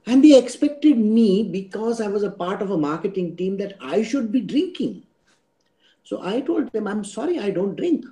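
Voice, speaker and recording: A man's voice: high-pitched, lively intonation, normal speed, dark tone, rough recording. A man with an Indian English accent giving a spiritual discourse, teaching didactically through everyday examples and checking in with rhetorical questions.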